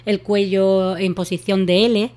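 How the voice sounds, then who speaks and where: A woman's voice: medium pitch, little pitch movement, a little slow, darkish tone. Woman on radio explaining voice care, lots of eh and restarts. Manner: explanatory, many fillers and restarts. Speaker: voice therapist guest. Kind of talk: radio interview advice.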